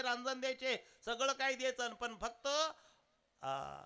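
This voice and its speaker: Recorded live outdoors with music accompanying him, a very high-pitched man with a clean tone and a Marathi accent delivers a devotional kirtan. He's a lively storyteller who voices the villagers in his tale and bursts into sung verse.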